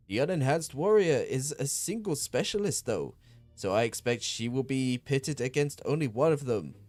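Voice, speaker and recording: A man voicing an excitable male ring announcer, booming and theatrical. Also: dry recording.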